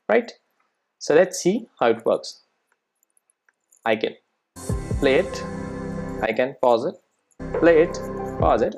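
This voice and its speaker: A man with a slightly high voice instructs on software in an unscripted, step-by-step tutorial, regularly pausing on short tag questions to check the listener is with him.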